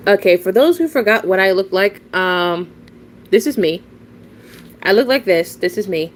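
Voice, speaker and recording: A nineteen-year-old woman with a medium-pitched, animated voice streams live at a moderate pace, rambling casually and chatting with viewers. She giggles a lot and keeps restarting her sentences.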